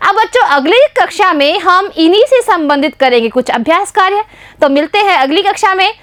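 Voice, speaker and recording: A young woman teaching a primary class, sounding out letters and syllables slowly in a sing-song way so young children can repeat. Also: very high-pitched, animated, a bit bright, no room sound. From India.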